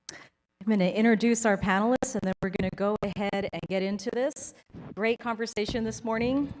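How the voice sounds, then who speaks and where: A woman's voice: medium pitch, darkish tone, slight background noise. Woman, moderator, friendly, chatty, long hall echo. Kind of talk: moderating a conference panel. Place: large conference hall. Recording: reverberant large hall.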